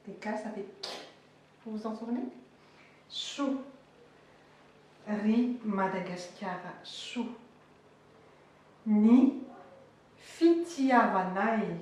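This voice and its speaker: Slow, hesitant woman teacher in echoey room. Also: medium pitch, a little mellow. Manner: slow, halting, many hesitations and fillers. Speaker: language teacher. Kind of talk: explaining a language lesson. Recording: echoey room, voice far from mic, faint noise.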